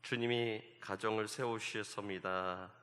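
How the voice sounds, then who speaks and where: Low-pitched male pastor, halting announcements, reverberant sanctuary. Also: fairly even intonation, a bit bright. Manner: fills pauses with repeated "yes". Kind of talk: church service announcements. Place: church sanctuary. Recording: long church reverb, faint ambience.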